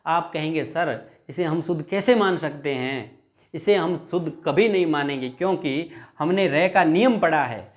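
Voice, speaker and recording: Higher-pitched man teaching a grammar lesson. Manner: explains patiently, repeats words slowly, asks students questions; dictates rules word by word. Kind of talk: exam-prep lesson.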